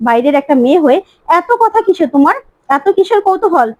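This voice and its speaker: A woman's voice: very high-pitched, expressive, fast talker. A woman doing a furious defiant bride-to-be. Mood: angry, defiant. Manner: shouting, defiant. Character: angry rebellious young bride-to-be.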